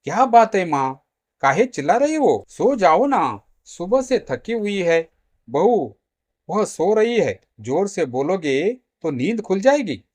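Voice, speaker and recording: A man's voice: high voice, big pitch swings, a little slow, few pauses, a little mellow, slightly rough, heavily acted. A man voicing an easygoing young husband who brushes worries aside in a storybook tale. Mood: irritated. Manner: offhand, dismissive.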